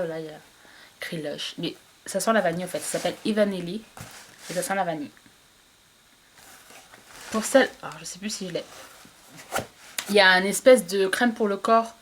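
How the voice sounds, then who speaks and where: A woman's voice: fairly low pitch, fairly quick, pauses often, a little hiss or hum. Chatty woman reviewing beauty products. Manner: chatty, hesitant, many fillers and restarts. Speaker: beauty vlogger. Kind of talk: casual product haul review.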